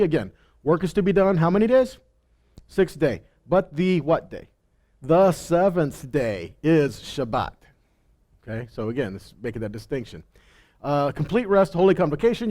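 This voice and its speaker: A fairly high-pitched, slightly mellow male voice leads an informal sermon. The Bible teacher reads scripture and comments chattily, asking rhetorical questions and answering them in imagined voices.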